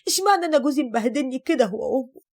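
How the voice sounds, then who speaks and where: A woman's voice: sits high, animated, very fast, breathy edge, dry recording, clean studio sound, heavily acted. Woman playing a sobbing, desperate young wife. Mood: distraught. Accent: Egyptian Arabic. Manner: pleading, tearful, raised voice.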